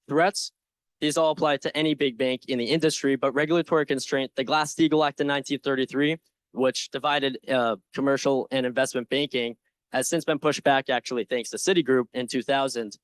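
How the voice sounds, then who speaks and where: A young man confidently and earnestly giving a prepared investment pitch with slides, with some informal asides. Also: no echo. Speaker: presenter in a stock pitch competition.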